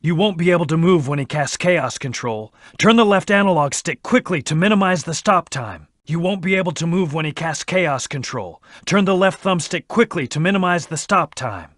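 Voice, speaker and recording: A man's voice: on the high side, animated, normal speed, hardly any pauses, a bit bright, dry recording, clean studio sound. A man voicing a brooding, arrogant hedgehog antihero in a video game, speaking in a terse, cool, commanding way. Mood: cool instructing. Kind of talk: scripted video game character lines.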